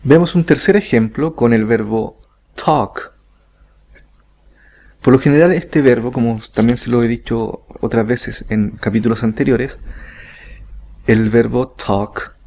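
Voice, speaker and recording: Slow, gravelly-voiced male teacher. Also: medium pitch, steady tone, darkish tone. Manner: slow, deliberate, repeats example sentences. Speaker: English teacher. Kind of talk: online grammar lesson.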